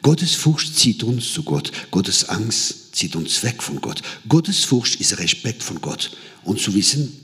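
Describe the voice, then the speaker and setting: A man's voice: lowish voice, a little slow. Man preaching a sermon. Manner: animated storytelling, quotes people in changed voices.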